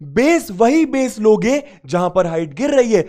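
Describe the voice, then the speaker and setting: A young man teaching maths in a live online class, lively and repetitive, coaxing students with playful asides, his throat slightly sore. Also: high voice, a little slow.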